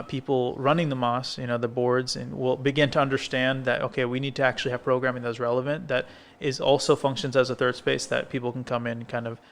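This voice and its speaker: Another man co-hosts the podcast from the coffee shop set. His medium-pitched voice is smooth and resonant, and his delivery is flat and steady. He keeps the conversation casual, rambling with plenty of fillers and restarts.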